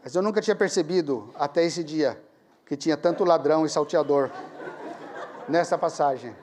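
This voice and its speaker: High-voiced Brazilian pastor telling a story. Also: male voice, moderate pace, darkish tone, some chatter behind, slight background noise. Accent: Brazilian Portuguese. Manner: storytelling with acted quotes and self-deprecating humor. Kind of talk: sermon with personal story.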